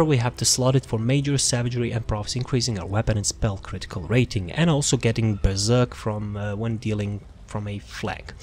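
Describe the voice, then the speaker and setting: A man with a mid-range, darkish voice hosts a gaming video, casually walking through a character build. He rambles, interrupts himself and often trails off, with slight background noise in the recording.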